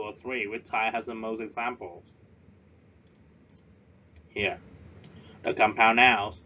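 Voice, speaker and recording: A man teaching an English lesson, explaining at length and slowing down for emphasis. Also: medium pitch, pushed and bright. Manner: switches between explaining and slow, emphatic drilling. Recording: slightly dull lo-fi audio.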